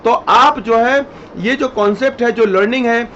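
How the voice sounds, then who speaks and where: A man's voice: extremely high pitch, moderate pace, fairly bright tone. A man teaching chemistry in a classroom-style lecture, repeating each rule step by step and addressing students directly. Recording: dull lo-fi sound, faint noise.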